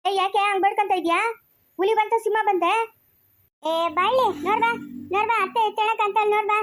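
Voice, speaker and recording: Woman doing a shrill rural Karnataka mother-in-law who nags and mocks, high and quick, village skit. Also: steady tone. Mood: mocking. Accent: rural Karnataka Kannada. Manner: shrill, scolding, loud calls. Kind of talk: village family skit acting.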